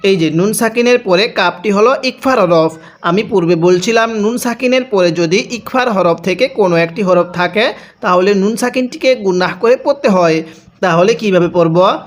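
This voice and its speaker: A man with a Bangladeshi Bengali accent teaching a Quran reading lesson, patiently explaining each rule and then slowly reciting the words with drawn-out sounds. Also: high voice.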